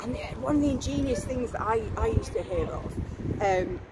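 A woman's voice: a little high, normal speed. A woman in her thirties, a guest who once worked in a prison, chatting in a walk-and-talk interview on a street at night, speaking into a lapel mic. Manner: chatty, self-deprecating. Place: outdoors on a city street at night. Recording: loud street noise.

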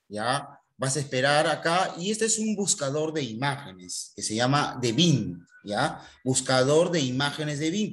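A man teaching a computer class in an online recording. He talks straight to his students and keeps checking with a quick "¿ya?". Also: medium pitch.

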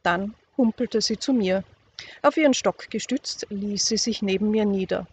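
A reader telling a first-person youth novel in a calm, measured way, dropping softer in the tense passages. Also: mid-range voice. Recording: slightly dull recording with faint background noise.

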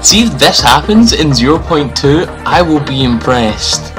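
A man hosting his channel, giving a live reaction commentary and gushing with excited exclamations. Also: on the high side, measured pace. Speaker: YouTube host reacting to a game trailer. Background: trailer music playing loudly.

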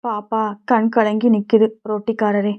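A woman's voice: medium pitch, level tone, normal speed, natural voice. Kindly old flower lady talking plain, woman reading it, storybook, muffled recording. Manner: colloquial, plainspoken. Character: poor older flower-selling woman, kindly, devout. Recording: dull lo-fi recording.

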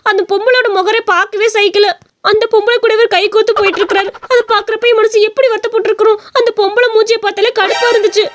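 A woman's voice: extremely high pitch, fast talker, background noise. A woman voicing a tearful young village wife who complains in a wailing, self-pitying way.

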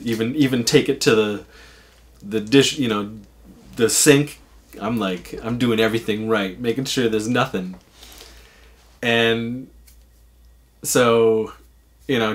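A man in casual podcast chat, telling a rambling, enthusiastic story and swearing freely. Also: on the low side. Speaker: podcast regular.

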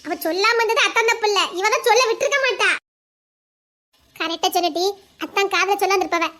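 Woman in a home-made family drama, teasing banter, very high voice, bright edge. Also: brisk. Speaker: voice actor playing family members.

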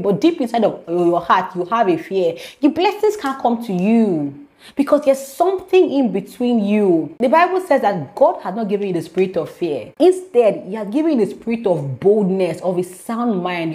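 A woman's voice: mid-range voice, a little mellow. Earnest woman teaching the Bible. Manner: earnest, preachy, reads scripture aloud and explains it. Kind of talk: devotional teaching to camera. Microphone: camera mic, speaking to camera.

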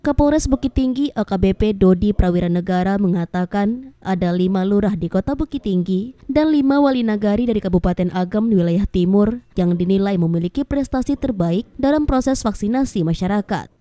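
Female news narrator, very mellow dark tone, scripted bulletin delivery. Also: medium pitch, normal speed, dry recording. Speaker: news presenter and reporter narrator.

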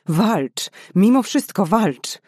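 A man's voice: fairly high pitch, unhurried, darkish tone, dry recording, clean studio sound. A man voicing a desperate, driven young woman doctor in an audiobook, in an urgent, emotional way. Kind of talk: audiobook character voice.

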